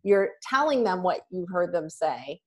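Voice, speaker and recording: A woman's voice: fairly low pitch, big pitch swings, measured pace. A woman hosting a podcast interview, affirming her guest with frequent short agreements and building on her points. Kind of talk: conversational interview.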